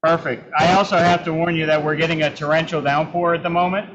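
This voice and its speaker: A man speaking calmly on a video call, his voice coming through fuzzy and distorted. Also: a little high, fast. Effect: fuzzy distorted video-call audio. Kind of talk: casual meeting talk. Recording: distorted lo-fi video-call audio with faint rain noise.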